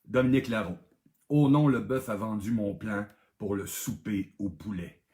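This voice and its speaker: A man's voice: on the low side, steady tone, moderate pace, darkish tone, echoey room. A man with a Québécois accent hosting a live-streamed game night, laughing often and exclaiming as he reads answers aloud over and over. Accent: Québécois French.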